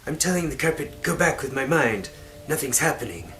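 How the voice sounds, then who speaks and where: A man's voice: on the high side, very animated, a little fast, a bit bright, voice pushed up. A man voicing a weary, exasperated young woman in a fantasy audiobook, with hammy, theatrical delivery. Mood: strained, insistent. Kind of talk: dramatic audiobook reading of a fantasy novel. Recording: music behind the voice.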